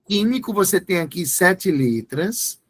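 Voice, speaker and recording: A man's voice: high-pitched, sing-song, measured pace, husky. A man teaching an exam-prep grammar lesson, spelling words out letter by letter.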